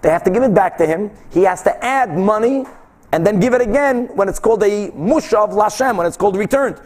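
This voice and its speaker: A man's voice: sits high, expressive, fairly quick, a little mellow. A man teaching a religious text, reading and explaining aloud, asking and answering his own questions and repeating phrases for emphasis. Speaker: Talmud teacher.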